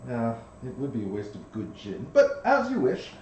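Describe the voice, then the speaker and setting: A man's voice: medium pitch, wildly swooping pitch, moderate pace, mellow, recorded from a distance, a little hiss or hum. A GM doing a wry joking housemate man. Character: jokey male housemate with Molotov cocktails. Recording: roomy echo.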